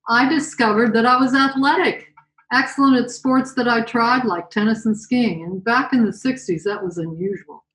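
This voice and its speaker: A woman's voice: on the high side, moderate pace, fairly bright tone. A woman of around seventy from the western United States, telling a candid, folksy personal story as a guest speaker, with chatty asides. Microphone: video call. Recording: roomy echo.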